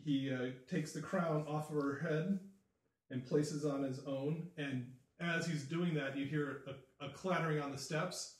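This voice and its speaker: A man's voice: on the high side, fairly even intonation, unhurried. A man narrating as game master of a tabletop game, with frequent fillers. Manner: fillers, vivid scene narration. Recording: roomy, distant mic.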